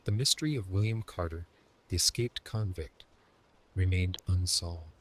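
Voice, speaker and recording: A man telling a first-person horror story in scripted narration, slow, hushed and dramatic, sometimes sinking into a whisper. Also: deep voice, husky.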